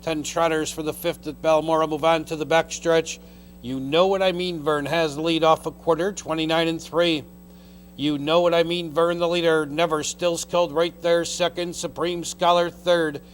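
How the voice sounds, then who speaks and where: A man's voice: a little high, slight background noise. A man calling a live harness race as track announcer, in clipped phrases that run through the field and positions. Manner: race-caller delivery in clipped phrases listing horses and positions. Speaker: horse race caller. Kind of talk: live harness racing commentary. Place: racetrack announcer's call.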